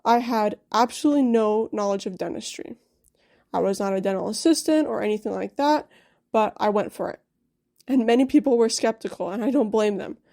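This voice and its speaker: This young dental hygienist vlogger from Quebec, Canada, a native English speaker, shares her personal story to camera in a candid, chatty style, often tossing in asides like "you know?" Her medium-pitched voice is gravelly yet mellow, and she talks briskly.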